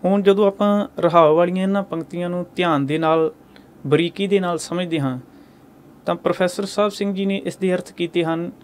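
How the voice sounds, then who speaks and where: A man with a fairly high voice speaks as a preacher, giving a measured religious discourse to a congregation. He talks earnestly and recites verses slowly, leaning on each word with careful stress. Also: fairly even intonation, a little hiss or hum. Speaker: Sikh preacher explaining scripture.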